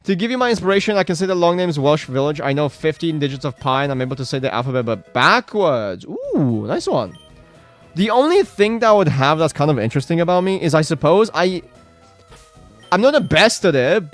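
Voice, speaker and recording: Guy streaming a game, kinda high voice, rambles a lot, reads chat out loud. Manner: rambling, filler-heavy, reads chat aloud and reacts. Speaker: gaming live streamer. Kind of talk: casual live-stream chat while playing.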